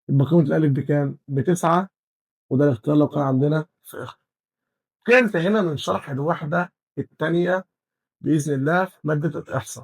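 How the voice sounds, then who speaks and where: A man's voice: sits high, no echo, rough recording. A man with an Egyptian Arabic accent teaching an exam-prep math lesson, counting values aloud step by step.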